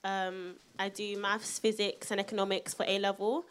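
A woman's voice: mid-range voice, little pitch movement, moderate pace, a bit bright, clean tone. A young woman of seventeen with a South London accent, chatting casually and slangily as a youth podcast co-host. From South London, England. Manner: informal, slangy, frequent "like". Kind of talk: casual live panel chat.

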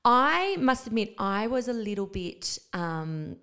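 A woman's voice: mid-range voice, very animated, slow, fairly bright tone, clean tone. A woman co-hosting a podcast, chatting casually with ums and easy laughs. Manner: chatty, laughs easily, thinks aloud with ums. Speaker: podcast co-host, Pilates teacher trainer.

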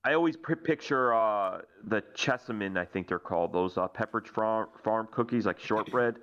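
A man's voice: lowish voice, moderate pace, fairly bright tone, dull audio. A man co-hosting a live show, chatting casually and jokingly. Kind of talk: casual, jokey chat.

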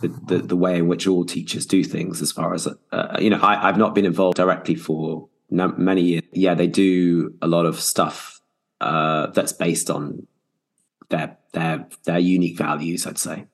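A man co-hosting a podcast discussion, his voice croaky and froggy from a cold, speaking in a measured, reflective way. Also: deep voice, flat delivery. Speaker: podcast co-host, teacher.

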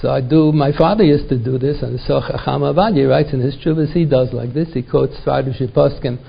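At a synagogue lecture, an older American rabbi speaks briskly about the Torah in a medium-pitched, gravelly, husky voice. Repeated words, rhetorical questions, and Hebrew and Yiddish terms fill his talk, and the recording is dull and lo-fi.

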